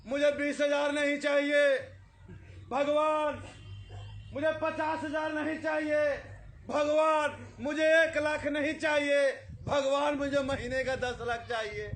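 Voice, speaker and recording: A man's voice: very high voice, level tone, slow, a bit bright, exaggerated voice. A man voicing a stubborn, greedy little boy who keeps insisting he wants more. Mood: demanding. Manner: pleading, insistent.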